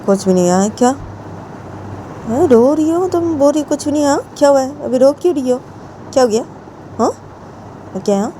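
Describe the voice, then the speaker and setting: A woman's voice: high voice, animated, moderate pace, pauses often, dark tone, slight background noise, voice pushed up. A woman voicing a bossy young woman who presses her crying partner with rising questions. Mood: pressing.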